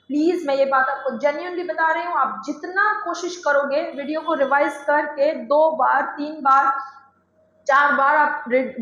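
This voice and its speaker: High-voiced woman teaching pronunciation. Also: fairly bright tone, echoey room, rough recording. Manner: drills word lists aloud, coaxing and encouraging. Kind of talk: spoken phonics lesson.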